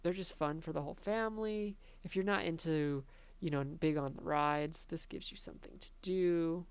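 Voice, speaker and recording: A woman casually narrating a tour of her own theme park, chatty and relaxed, laughing between remarks. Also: low-pitched, normal speed, clear, resonant tone, no room sound, muffled recording.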